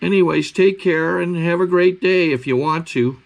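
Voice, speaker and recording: A man's voice: on the high side, moderate pace, creaky. A man giving an informal, plain-spoken introduction as the host of an audio archive channel.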